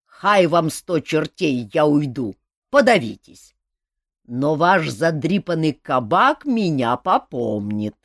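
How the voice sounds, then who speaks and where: A woman voicing a brash male cossack mage who speaks slowly, loudly and gruffly. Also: extremely low pitch, no room sound, studio quality, heavily acted. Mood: grumbling. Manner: slow, loud and gruff.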